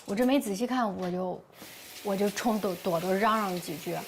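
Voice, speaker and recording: An actress playing a middle-aged wife and mother, explaining herself in a rapid, flustered way. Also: medium pitch, a little hiss or hum, natural voice. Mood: defensive.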